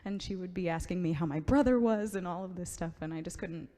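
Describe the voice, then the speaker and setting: A woman's voice: fairly low pitch, brisk, warm tone. A young woman speaking casually and ramblingly at a memorial. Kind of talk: memorial tribute. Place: school auditorium. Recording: long hall reverb.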